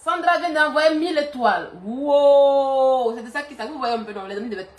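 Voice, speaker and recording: A woman's voice: sits high, lively intonation, rapid-fire, reverberant. A woman hosting a live stream, chatting and gossiping with lots of laughter and urging viewers to send stars.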